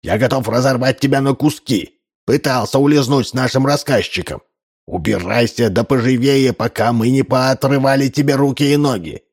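Casting: shrill, creaky old chief, hot-tempered and threatening, put on by a male reader. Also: expressive, slow pace. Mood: furious. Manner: shouting threats.

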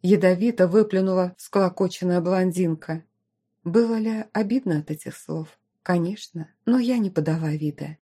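A woman narrating a fantasy novel in the first person, with expressive storytelling. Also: lowish voice, normal speed, breathy edge. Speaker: audiobook narrator.

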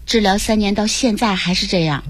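A woman's voice: mid-range voice, fairly quick, husky. A woman hosting a radio talk show from Beijing, chatty and empathetic in colloquial speech. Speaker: radio host.

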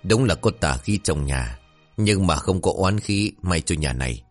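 A man voicing a crafty, crude old village shaman who talks gruffly and scolds. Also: sits low, expressive, unhurried, faint music behind. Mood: wry.

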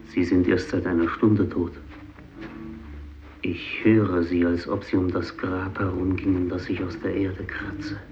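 The role of a doomed, guilt-ridden Japanese fisherman, his village's sole survivor, is voiced low and very slowly as narrator and main character of a 1950s German radio drama monologue. His solemn, deliberate delivery halts with heavy pauses. Background noise sits under the dull vintage radio sound.

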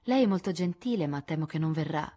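A woman's voice: low-pitched, expressive, fast talker, dark tone. A woman reading an audiobook, voicing a modest girl of sixteen who teases her friends. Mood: teasing. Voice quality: modest, lightly teasing.

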